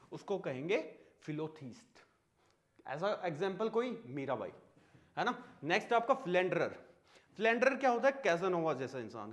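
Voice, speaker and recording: A young man with an Indian English accent teaching vocabulary, mixing Hindi and English and asking questions he answers himself. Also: on the high side. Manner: asks questions then answers them himself; mixes Hindi and English words. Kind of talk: online exam-prep lesson.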